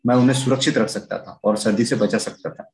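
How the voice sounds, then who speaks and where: A man's voice: lowish voice, fast, lightly acted. A man voicing a sad, lonely old house in a read-aloud storybook, crying out for a family. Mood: mournful. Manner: mournful storybook voice, cries out.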